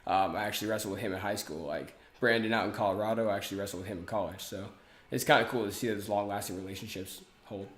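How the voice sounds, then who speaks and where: Speaking quickly in a lowish register, a man in his twenties guests on a podcast for some laid-back interview talk. He leans on fillers and keeps restarting his sentences, and the audio sounds roomy.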